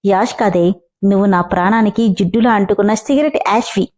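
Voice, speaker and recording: A woman's voice: medium pitch, fast, a little mellow, voice pushed down, close to an everyday voice. A woman voicing a young man who is curt, irritable and scornful, snapping his replies dismissively.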